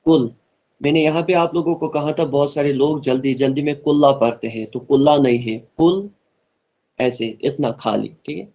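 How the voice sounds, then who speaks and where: A man with a slightly high voice leads an online Quran class. He explains each pronunciation rule earnestly and repeats his points for the students. He then models the verses in a slow, melodic recitation. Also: steady tone, a little mellow, muffled recording. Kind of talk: online tajweed lesson, explaining and slowly reciting.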